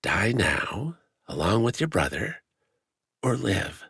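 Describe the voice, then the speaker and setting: A man's voice: on the low side, sing-song, takes it slowly, gravelly, fairly bright tone, slightly rough, dry recording, clean studio sound, pitched above the performer's own voice, full character voice. Man voicing a cold, menacing bandit woman. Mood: cold, threatening. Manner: clipped, threatening delivery.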